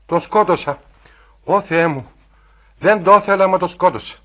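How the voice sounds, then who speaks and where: A woman's voice: lowish voice, dull audio, pitched above the performer's own voice, natural voice. A man reading a novel aloud, voicing a young woman who poses as a menacing goddess in a sing-song way. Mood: panicked. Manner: sing-song, commanding, later hysterical. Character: young woman playing a death goddess, eerie.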